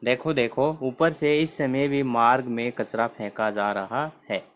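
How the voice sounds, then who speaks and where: A man's voice: mid-range voice, steady tone, measured pace. A man teaching a textbook lesson, reading each line and then explaining it word by word, often repeating phrases. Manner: reads lines then explains them word by word.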